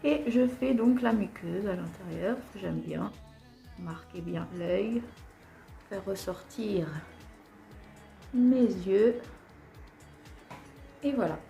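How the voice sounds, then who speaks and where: A chatty woman with an Alsatian accent walks through her everyday makeup as she applies it, with many fillers and pauses. Her voice sits in the middle range. It rings in an echoey room with faint music underneath. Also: mid-range voice, creaky, dark tone. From Alsace, France. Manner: chatty, frequent fillers, talks while applying makeup. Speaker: beauty vlogger. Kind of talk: casual makeup tutorial.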